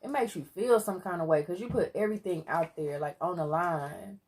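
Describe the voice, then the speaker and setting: A woman co-hosting a seafood eating video, chatting casually and earnestly about her relationship, and at times breaking into loud exclamations. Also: lowish voice, fairly quick. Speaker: mukbang co-host. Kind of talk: casual chat while eating. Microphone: close mic for eating sounds.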